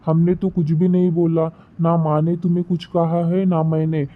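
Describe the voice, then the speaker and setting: A man voicing an exasperated young husband in an animated story, scolding his wife. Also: fairly high pitch, normal speed, narrow, tinny audio, close to an everyday voice.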